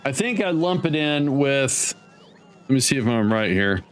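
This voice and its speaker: A man's voice: medium pitch, lively intonation, a little slow. Rambling man thinking aloud while gaming. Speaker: streamer. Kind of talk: casual gameplay commentary.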